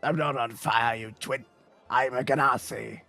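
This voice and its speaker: A man's voice: medium pitch, steady tone, a little slow, creaky, bright, forceful tone, soft background music. A man acting as game master, speaking for characters in a tabletop role-playing game.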